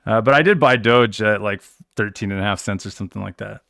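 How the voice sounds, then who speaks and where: A man's voice: on the low side, fast, gravelly, a bit bright, dry recording, studio quality. A man hosting a crypto trading livestream, casually walking through charts in a rambling, self-correcting way. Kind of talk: casual screen-share walkthrough.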